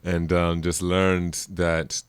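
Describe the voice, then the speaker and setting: A man's voice: low-pitched, slow pace, clean tone, dry recording, studio quality. A man from Jamaica, a musician guest on a radio show, talking casually with frequent laughs and fillers. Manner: laughs often, relaxed rambling with many fillers. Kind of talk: casual interview chat.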